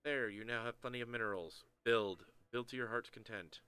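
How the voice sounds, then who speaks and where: A man giving casual, excitable commentary while playing a strategy game, often trailing off mid-sentence. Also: medium pitch, fairly quick, smooth, no echo. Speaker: gameplay commentator.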